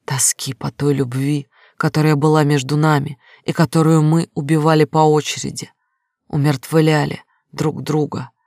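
A man's voice: fairly high pitch, flat delivery, moderate pace, a little mellow, no echo, clean studio sound. A man narrating an audiobook in an emotional, intense reading style. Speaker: audiobook reader.

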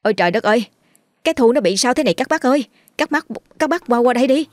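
A woman narrator voicing a panicked village woman crying out for help in a high, frantic voice. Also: expressive, fast talker, no room sound, natural voice. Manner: shrill, frantic.

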